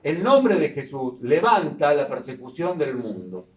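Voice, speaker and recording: Slow-speaking priest in cathedral-like echo. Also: male voice, fairly high pitch, big pitch swings, muffled recording. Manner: slow, deliberate, measured phrasing. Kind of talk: solemn liturgical reading and homily. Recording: echoing cathedral-like church sound, distant microphone.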